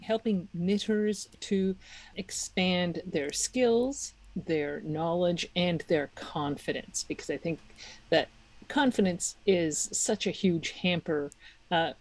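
A woman's voice: on the low side, slow pace. A woman, a guest on a podcast, talking in a chatty, self-mocking way and laughing often. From Czech Republic. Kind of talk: casual interview talk.

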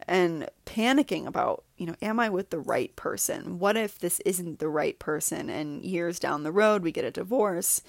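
A podcast host in her thirties delivers a reflective personal monologue, candid and confessional, laughing and repeating herself. Her voice is on the low side and gravelly, captured in a dry, clean studio recording.

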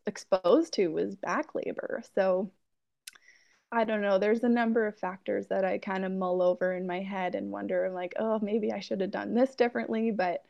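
A woman's voice: mid-range voice, vocal fry, no echo, lo-fi sound. A young woman guest on a podcast interview, recounting her birth story in a reflective, rambling way with fillers and light laughs.

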